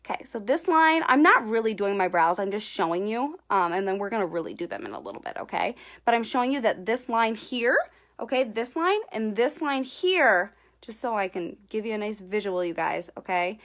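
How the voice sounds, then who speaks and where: Speaking at a medium pitch, this young woman sounds animated, a little fast and slightly bright. She is a beauty vlogger running a casual eyebrow tutorial on live stream, greeting viewers by name, tacking "okay?" onto nearly every line, and coming across as giggly, self-conscious and slightly nervous.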